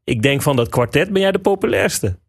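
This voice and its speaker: A man hosting a casual radio interview, relaxed, sometimes restarting his sentences. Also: fairly high pitch, a little fast, slightly rough. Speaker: radio host.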